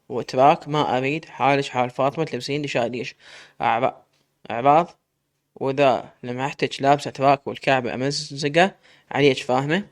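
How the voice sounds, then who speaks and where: A man's voice: medium pitch, natural voice. A man with an Iraqi accent reading the lines of a domineering, furious young husband, scolding harshly. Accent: Iraqi Arabic. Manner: harsh, scolding through clenched teeth.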